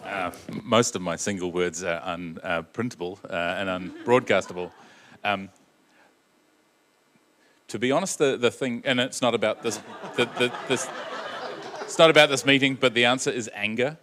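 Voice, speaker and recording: A man's voice: on the low side, normal speed, background noise. A man on a panel speaking wryly and with frustration, with hesitant fillers. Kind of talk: panel answer.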